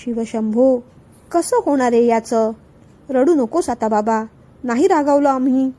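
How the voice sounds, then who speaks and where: A woman's voice: sits high, a little slow, dark tone. A woman reading the lines of a bossy, sulky little girl in a storybook reading. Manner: childish pouting talk.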